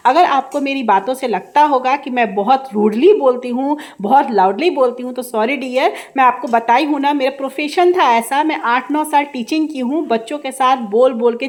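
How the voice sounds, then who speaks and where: Loud high-voiced woman vlogger. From India. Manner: loud, emphatic, scolding-sounding delivery. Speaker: vlogger and housewife. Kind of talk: voice-over vlog narration. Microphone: no external mic for voice-over.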